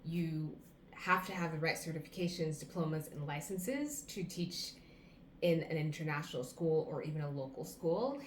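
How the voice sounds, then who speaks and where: This American vlogger, a woman in her thirties, sounds animated and low-pitched as she speaks at normal speed, casually giving earnest advice to camera in a one-by-one list. The audio carries a roomy echo and faint background hum.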